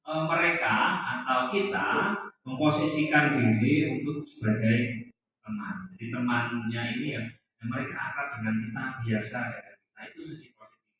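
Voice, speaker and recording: A man's voice: medium pitch, normal speed, a crowd in the background. Male teacher in an echoey hall. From Central Java, Indonesia. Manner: explanatory, hesitant with fillers. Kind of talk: presentation on classroom discipline. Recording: echoey hall, far from mic, dull.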